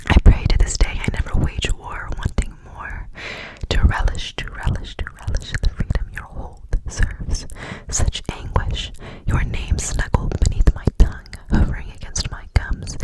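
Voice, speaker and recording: A woman whispering close to the mic in an ASMR poetry reading, softly repeating words as triggers. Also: moderate pace, poor audio. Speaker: ASMR creator.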